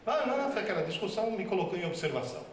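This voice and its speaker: A man giving a lively storytelling lecture at a school, acting out dialogue with different voices. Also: high-pitched, racing, a little hiss or hum. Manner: animated, acts out dialogue with voices. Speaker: teacher giving a talk. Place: school hall. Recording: very echoey hall, speaker far from mic.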